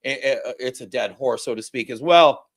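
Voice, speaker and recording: A man hosting a sports podcast, talking in an animated, rambling way and swearing freely. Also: mid-range voice, normal speed, no echo, clean studio sound. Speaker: podcast host. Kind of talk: casual sports chat.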